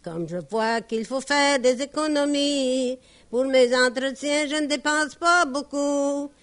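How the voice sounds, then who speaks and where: Slow, high, clear-voiced woman storyteller. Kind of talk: sung comic monologue and folk song.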